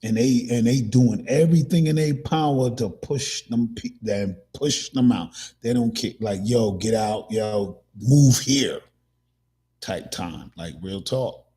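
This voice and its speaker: A man's voice: medium pitch, unhurried, dark tone, husky. A man hosting a casual commentary talk, rambling with many restarts and fillers. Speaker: podcast host.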